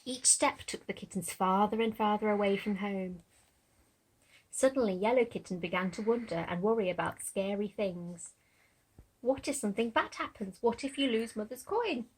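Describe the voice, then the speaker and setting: Storybook narrator, woman, husky mid-pitched voice, gentle and engaging for kids. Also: lively intonation, normal speed, rough recording. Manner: gentle, asks young listeners to look at the pictures. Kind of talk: read-aloud of a children's picture book.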